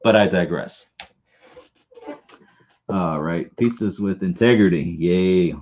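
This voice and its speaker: A low-pitched, slightly mellow male voice takes things slowly over dull audio. He's the channel host, a Long Island, New York man with that region's accent, rambling through a casual live stream with frequent restarts and repetitions.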